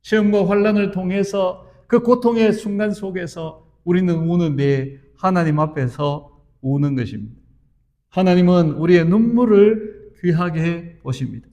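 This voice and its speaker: A man's voice: high-pitched, normal speed, dark tone, muffled recording. A pastor in his fifties preaching a sermon in an earnest, storytelling way that rises to fervent emphasis. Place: church sanctuary.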